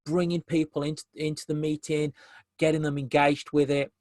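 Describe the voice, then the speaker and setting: A man's voice: on the high side, flat delivery, moderate pace, darkish tone, dry recording. Man presenting a business webinar. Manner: conversational, repeats key phrases for emphasis.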